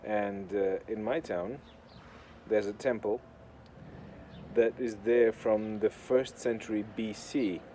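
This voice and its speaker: A video host with a Portuguese accent rambles casually to camera in a fairly low, very mellow voice, taking things slowly. He's sardonic and deadpan and swears freely. The outdoor recording is clear, with faint noise from urban building works in the background.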